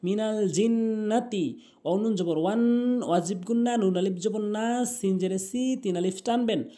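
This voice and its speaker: A man teaching Quran pronunciation, spelling out each letter and vowel, then chanting the verse slowly with long drawn-out notes. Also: high voice, warm tone.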